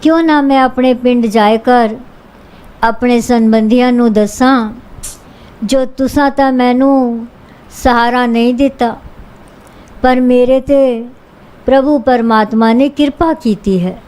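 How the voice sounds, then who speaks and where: A woman's voice: on the high side, fairly even intonation, slow pace, darkish tone, low-quality recording. A woman reading the lines of a humble, grateful man healed of lame legs, in an earnest, pleading way.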